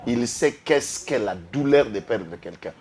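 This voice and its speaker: Brief: heated male guest, animated and swinging in pitch, light background hiss. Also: a little slow. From Congo-Kinshasa. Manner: impassioned, switches between French and Lingala, rises to outbursts. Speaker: political guest. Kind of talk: heated political talk show.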